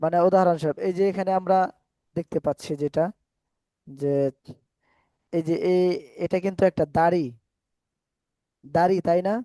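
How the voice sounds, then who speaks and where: Step by step, a man with a high-pitched voice patiently teaches letter sounds and vowel marks in an online Quran class, with slow, elongated recitation of phrases here and there. His intonation stays fairly even and his tone is dark, with no echo.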